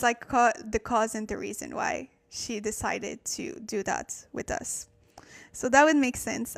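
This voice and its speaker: A woman whose native language is French hosts a casual Korean lesson on a livestream, speaking English in a slightly high voice. She thinks out loud, with fillers and self-corrections.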